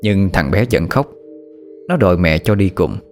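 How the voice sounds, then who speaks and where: A male storyteller reads a sad tale in a slow, mournful way. His voice sits low, and faint background music plays behind it. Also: expressive. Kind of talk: scripted story narration.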